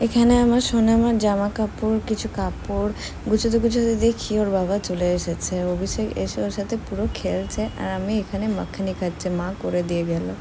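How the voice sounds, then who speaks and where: A woman's voice: mid-range voice, flat delivery, brisk. A young woman, a new mother, narrates her day in a chatty, matter-of-fact vlog voice-over. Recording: noisy voice-over recording.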